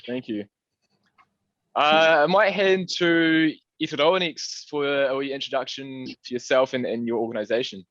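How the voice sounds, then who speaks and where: A man moderating an online panel in a relaxed, friendly way. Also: mid-range voice, moderate pace, no room sound. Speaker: panel facilitator. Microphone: video call. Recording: dry, dull call audio.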